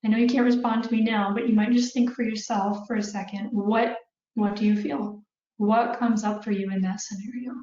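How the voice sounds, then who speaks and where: A woman therapist giving a calm, explanatory talk to viewers, often checking in with "right?". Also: mid-range voice, normal speed. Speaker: therapist teaching about couples. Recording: echoey room, dull sound.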